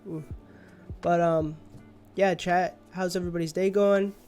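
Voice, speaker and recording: Young male streamer, sleepy and rambling, higher-pitched, soft music in background. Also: steady tone, unhurried. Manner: rambling, drowsy, trailing off. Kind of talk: casual livestream chat. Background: faint music.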